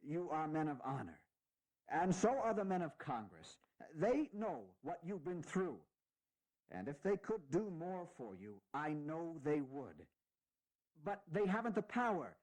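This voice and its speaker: A man playing a dignified, fatherly aging general, giving stirring, deliberate and sometimes halting oratory in a historical audio drama. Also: fairly high pitch, very animated, a little mellow, low-quality recording. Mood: gentle, fatherly. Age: older.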